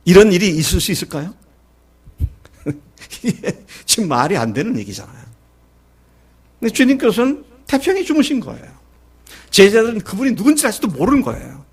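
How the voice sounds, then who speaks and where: A man's voice: high-pitched, moderate pace, long pauses, breathy edge. A middle-aged male pastor preaching a sermon, who asks his listeners questions and acts out the quoted lines of the story. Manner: lively preaching, acting out Jesus and the disciples in quoted lines; asks the congregation questions and answers them.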